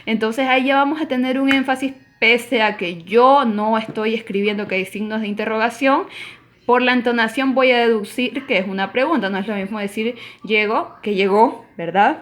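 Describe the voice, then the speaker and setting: A woman's voice: fairly high pitch, fairly even intonation, brisk, fairly bright tone. A woman teacher giving a recorded online class, explaining rules in an emphatic, explanatory way.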